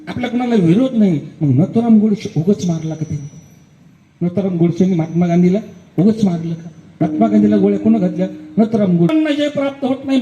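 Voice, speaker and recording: A man's voice: sits high, mellow, roomy sound, low-quality recording. A man preaching a devotional kirtan sermon, telling the story dramatically and putting questions to the crowd, then answering them himself.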